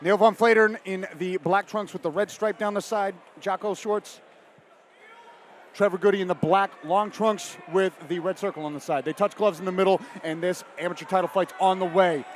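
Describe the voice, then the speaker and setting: A man giving live MMA commentary from cageside in an excitable, emphatic way. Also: high voice, moderate pace. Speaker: fight commentator. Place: cageside at a live fight event. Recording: noisy live venue ambience.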